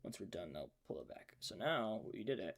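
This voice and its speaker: Gravelly male streamer, animated delivery, loose tutorial talk full of fillers. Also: fairly low pitch, brisk, a little hiss or hum. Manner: loose, thinking aloud, many fillers. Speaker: streamer teaching sound design. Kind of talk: casual live-stream tutorial.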